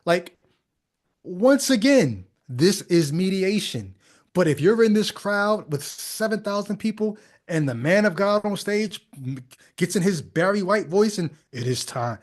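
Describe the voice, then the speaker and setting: A man's voice: high-pitched, expressive, measured pace. Wry man commenting with sarcastic asides. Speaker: podcast host. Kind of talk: casual commentary.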